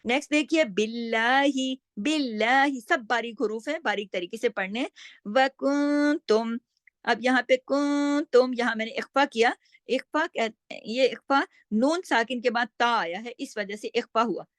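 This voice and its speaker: A woman with a fairly high voice teaches Quran recitation in a calm, step-by-step lesson. She patiently explains each sound and demonstrates it herself. Her voice is close and dry, with no room echo. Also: moderate pace.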